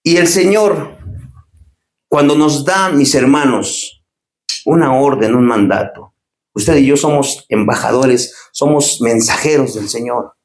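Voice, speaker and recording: A male pastor delivers an impassioned sermon in an echoey church room. His voice sits at a middle pitch, climbing high and urgent, then dropping into low, hushed asides. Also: slow. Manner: impassioned preaching, swinging between raised pitch and low, quiet asides.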